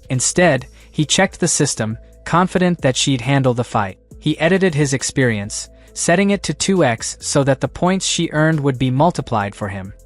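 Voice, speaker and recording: A man narrating a comic story recap in a steady, even storytelling voice. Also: fairly high pitch. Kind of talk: scripted narration.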